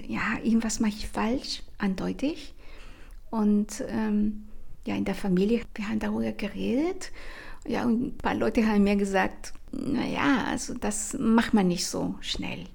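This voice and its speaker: Breathy, gravelly woman podcasting. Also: mid-range voice, a little mellow. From Chile. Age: 50s. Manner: enthusiastic, chatty storytelling with many fillers. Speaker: language teacher and podcast host. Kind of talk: casual podcast monologue.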